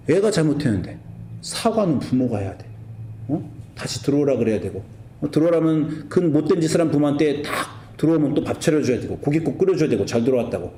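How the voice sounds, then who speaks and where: A middle-aged male pastor preaching a sermon in a lively way, acting out scripture and family quarrels in raised voices. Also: fairly high pitch, echoey room.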